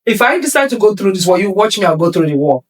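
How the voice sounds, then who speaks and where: A woman's voice: mid-range voice, lively intonation, fast talker. A middle-aged woman talking as a talk show guest, emphatic and motivational, repeating her phrases for stress. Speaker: guest, community leader and counselor.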